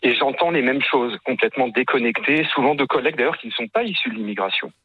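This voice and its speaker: A man's voice: medium pitch, fast, slightly rough, dry recording, narrow, tinny audio. A man in his fifties from France calling in to a radio show, talking earnestly and hesitantly, with many fillers and restarts. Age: 50s. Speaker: caller. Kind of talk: radio call-in testimony.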